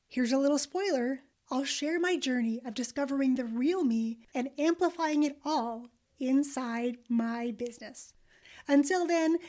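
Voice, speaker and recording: A woman's voice: high voice, a little mellow, dry recording, clean studio sound. A woman hosting a podcast interview, upbeat and enthusiastic. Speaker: podcast host.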